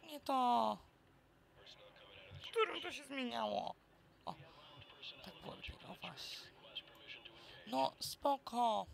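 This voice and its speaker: A man's voice: very high voice, expressive, takes it slowly, vocal fry, long pauses, a crowd in the background. A man giving muttered, sarcastic let's play commentary as he plays a shooter. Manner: muttering, sarcastic remarks to viewers.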